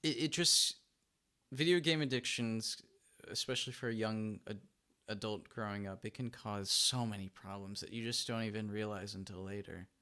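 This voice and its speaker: A young man co-hosting a podcast, talking in an animated, emphatic way and repeating himself as he gets going. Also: fairly low pitch, moderate pace. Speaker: podcast co-host. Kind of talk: casual chat.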